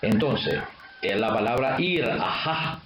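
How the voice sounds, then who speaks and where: Slow Paraguayan man lecturing, echoey room. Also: mid-range voice, lively intonation, a little hiss or hum. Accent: Paraguayan Spanish. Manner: hesitant and explanatory, with frequent filler sounds. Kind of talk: lecture on language history.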